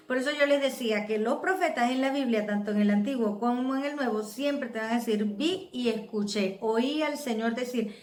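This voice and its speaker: A woman's voice: on the high side, echoey room. A woman with a Venezuelan accent preaching a sermon, explaining the scripture and checking in with her listeners. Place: church.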